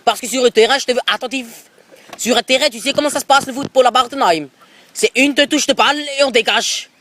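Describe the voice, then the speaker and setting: For a prank call, a man plays a brash, bigoted, middle-aged football coach with an Alsatian accent, rambling and pushing while adding little tags to every sentence in a rather high voice. He sounds like he has a phone held close to his mouth, and his tone is brisk, sharp and pushy.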